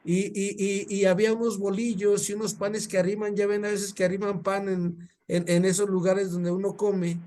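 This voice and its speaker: A Mexican male preacher tells a story in a colloquial, animated way, often repeating words. His voice sits fairly high. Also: moderate pace, hardly any pauses. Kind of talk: storytelling sermon.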